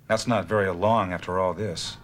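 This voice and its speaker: A man with a low, fairly bright voice acts the part of a worried, skeptical middle-aged heart patient in a medical dramatization. The acted scene is recorded with noisy room ambience.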